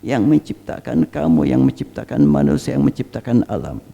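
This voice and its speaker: A man, an Islamic teacher, giving a Quran study lecture, emphatic and full of rhetorical questions, reciting Arabic phrases slowly. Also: mid-range voice, sing-song, vocal fry, warm tone, dull audio.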